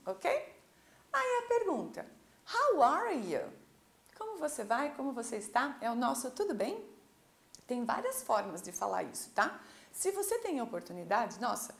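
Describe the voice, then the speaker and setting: A Brazilian woman with a Brazilian Portuguese accent teaching an English class, slowly modeling phrases and checking in with her students. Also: a little high, roomy sound. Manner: lively, drawn-out model pronunciation with teacherly check-ins. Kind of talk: online classroom lesson.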